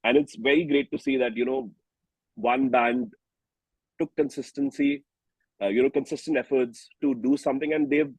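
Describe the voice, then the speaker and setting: A young man with an Indian accent, a singer-songwriter being interviewed, chats earnestly and reflectively, often saying "you know". His mid-range voice is fairly even, at normal speed with a breathy edge, on a dry, poor-quality recording.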